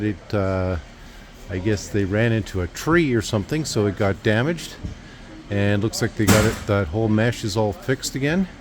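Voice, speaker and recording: A man giving a casual walkthrough of a repair shop, rambling with lots of uhs and restarts. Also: mid-range voice. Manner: rambling, filler-heavy, with restarts. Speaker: vlogger giving a shop update.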